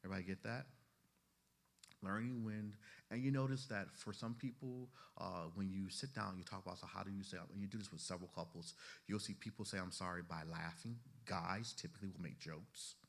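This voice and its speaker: A man's voice: low voice, fairly even intonation, brisk, vocal fry. A man lecturing a class of trainees in a conversational way, often saying "you know" and asking the room questions. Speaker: instructor teaching therapists.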